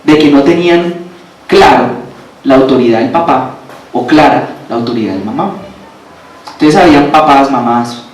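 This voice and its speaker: A man's voice: mid-range voice, normal speed, long pauses. A man preaching a sermon, asking the congregation questions and repeating phrases for emphasis. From Colombia. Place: church hall. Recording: very echoey hall, from far off, faint background noise.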